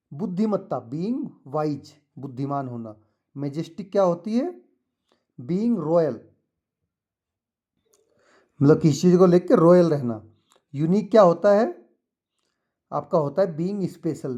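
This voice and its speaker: Male tutor for kids, slow careful reading, patient explainer, warm mellow tone, slightly higher-pitched voice. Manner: mixes English and Hindi, reads English slowly then explains; patient, repetitive, addresses children directly. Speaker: teacher. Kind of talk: explaining a school textbook lesson to children.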